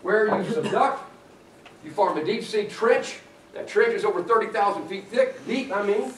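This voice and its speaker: A man giving a lively, playful university geology lecture to students in a lecture room. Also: high-pitched, moderate pace, slight background noise. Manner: animated, playful, talks to students. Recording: echoey room from far off.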